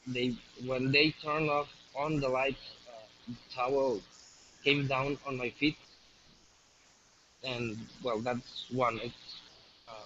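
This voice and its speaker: A soft-spoken Mexican man in his twenties, a native Spanish speaker with a Mexican Spanish accent, tells a story as a guest, hesitating often with fillers and restarts. His voice is mid-range. Recorded through a computer mic on a voice call, the audio is dull and muffled with faint hiss.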